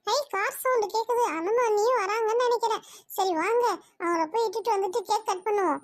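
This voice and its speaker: A woman voicing a bossy squeaky mother. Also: fairly quick, no room sound, studio quality. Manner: bossy, scolding. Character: fussy middle-aged mother, matchmaking woman. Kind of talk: cartoon voice acting.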